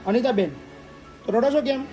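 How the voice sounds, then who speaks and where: A man interviewing elderly residents, speaking in a calm, reassuring way and repeating comforting phrases. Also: extremely high pitch, fairly quick, music in the background. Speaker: interviewer at an old age home. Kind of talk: casual interview.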